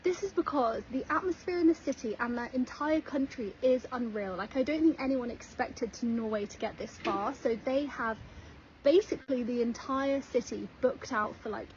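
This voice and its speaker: A woman's voice: on the high side, normal speed, a little mellow. A woman from the UK, chatty and eager, sending a casual voice note as a fan. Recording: dull lo-fi voice note with faint noise.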